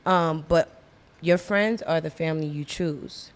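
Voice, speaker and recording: A woman co-hosting a casual podcast talk with a slightly low voice, laughing easily and circling back over her words. Her voice carries a long reverb tail from the room. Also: a little slow. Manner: laughs often, talks in repeated restarts. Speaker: podcast co-host.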